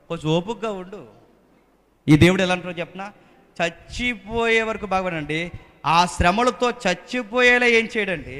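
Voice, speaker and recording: A man preaching as a pastor in a fervent sermon, swinging between loud exhortation and hushed pleading into a microphone. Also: on the high side, big-room sound.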